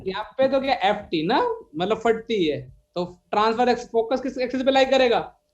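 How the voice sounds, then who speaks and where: High-voiced Indian maths teacher quizzing students. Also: male voice, lively intonation, dull audio. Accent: Indian English mixed with Hindi. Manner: dictates slowly, quizzes students, calls them beta. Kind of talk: live online class lecture.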